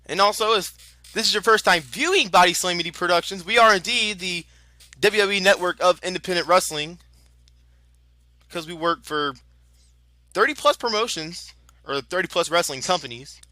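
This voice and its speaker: Bright, high-voiced male lucha libre announcer. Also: moderate pace, pauses often, no echo. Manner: chatty, informal, exclamatory. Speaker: wrestling announcer. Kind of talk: lucha libre play-by-play commentary with promotional plugs.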